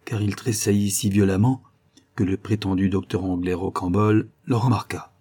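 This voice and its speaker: Mellow, husky male audiobook narrator. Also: lowish voice, fairly even intonation. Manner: measured literary reading. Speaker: audiobook reader. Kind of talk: scripted narration.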